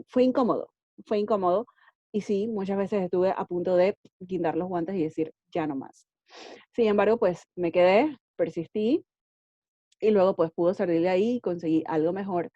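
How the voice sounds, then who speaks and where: A woman's voice: mid-range voice, mellow, no echo, lo-fi sound. A woman English teacher giving casual advice on learning languages, often checking in with "ok?" and slipping in English words. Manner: friendly, checks in with frequent "ok?"; mixes English words into speech.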